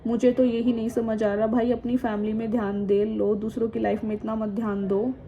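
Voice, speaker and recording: A woman's voice: on the high side, level tone, brisk. A woman in her twenties chatting casually in a vlog, reading viewer comments aloud and frankly answering back, mixing English words into her talk. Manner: mixes Hindi with English words and phrases. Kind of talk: casual chat. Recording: dull, slightly muffled sound with faint background noise.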